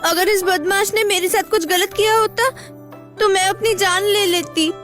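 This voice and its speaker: A female voice actor dubbing a gentle young wife who is frightened yet earnest. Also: extremely high pitch, steady tone, normal speed, faint music behind. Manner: pleading, earnest. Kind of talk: Hindi dub of a drama.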